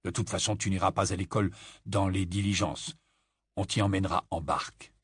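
A man voicing a calm, gentle but firm father in an audiobook reading. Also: on the low side, normal speed, slightly rough, dry recording, clean studio sound. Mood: reassuring. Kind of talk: audiobook character voice.

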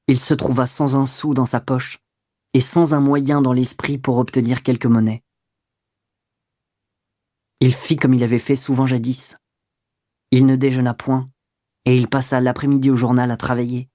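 A man reading a classic novel aloud as an audiobook narrator, in a steady, measured storytelling manner. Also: medium pitch, no room sound, clean studio sound. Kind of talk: scripted literary narration.

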